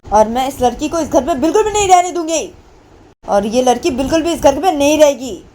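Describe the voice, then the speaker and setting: Woman doing a shrill scolding grandmother. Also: expressive, fairly quick, warm tone. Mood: angry scolding. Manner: shrill, scolding, repeated questions.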